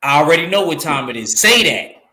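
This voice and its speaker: Man, New York accent, bright forceful voice, slightly high, emphatic, echoey room. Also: a little fast. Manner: animated, emphatic, repeats himself. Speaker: podcast co-host. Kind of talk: casual boxing talk.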